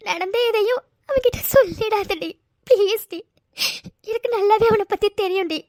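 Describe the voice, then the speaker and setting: A woman voicing a gentle, self-blaming young woman in a cartoon, crying and pleading in a very high, soft voice. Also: dry recording, clean studio sound. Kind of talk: cartoon voice acting.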